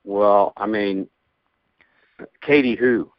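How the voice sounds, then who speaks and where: A man's voice: lowish voice, extremely slow, no room sound. Annoyed guy on a landline phone call, muffled dry line, keeps restarting his sentences. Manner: indignant, stammering restarts. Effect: heard over a landline phone call. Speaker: prank call target.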